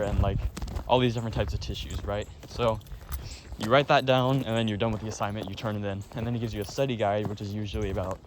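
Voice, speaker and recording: A tired teenage boy with a stuffy nose, rambling casually about school with many fillers and quick apologies. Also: medium pitch. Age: teens. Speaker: student vlogger. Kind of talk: casual chat. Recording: noisy background.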